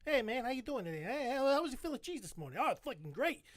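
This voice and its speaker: A man's voice: very high-pitched, sing-song, fast talker, no echo, studio quality, pitched above the performer's own voice. A man putting on the voice of a brash, swaggering male Philadelphia local with a put-on Philadelphia accent. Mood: boastful. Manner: swaggering, cursing.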